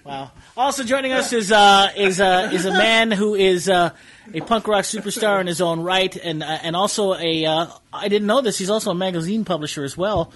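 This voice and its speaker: A man hosting a podcast in casual chat, giving rambling, halting introductions packed with fillers. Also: sits high, fairly bright tone, slight background noise. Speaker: podcast host. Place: comic book store.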